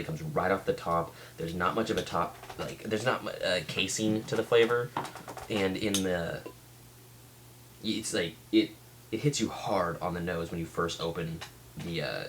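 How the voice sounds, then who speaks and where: A man giving a casual, rambling product review as a vlog reviewer, speaking haltingly and often restarting his sentences. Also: low voice, slight background noise. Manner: halting, with many restarts and trailing thoughts. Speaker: pipe tobacco reviewer.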